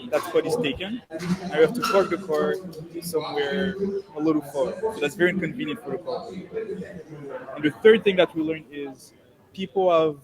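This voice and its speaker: Guy presenting his startup over a video call, slightly high voice, crowd noise loud behind. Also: low-quality recording. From Haiti. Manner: measured, walks through points in order. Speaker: startup founder. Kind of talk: conference presentation.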